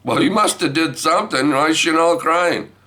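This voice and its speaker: A man mimicking his wife yelling accusing questions from another room. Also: on the high side, normal speed, pitched above the performer's own voice. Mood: scolding. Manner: accusing, yelled. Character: scolding wife yelling from kitchen.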